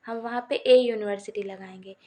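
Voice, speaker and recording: A woman's voice: mid-range voice, steady tone, normal speed, a little mellow. A woman teaching a grammar lesson, explaining rules step by step, repeating examples and answering her own questions while addressing viewers as friends. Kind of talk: Hindi-language grammar lesson.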